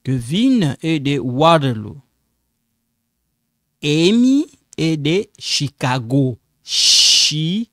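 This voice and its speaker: A man's voice: on the high side, very animated, a bit bright, no echo, studio quality. A middle-aged man teaching in a patient, repetitive way, speaking English as a with as his tongue. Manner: patient, repetitive, slow explanations, non-native English phrasing. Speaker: French teacher. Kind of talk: classroom-style language lesson.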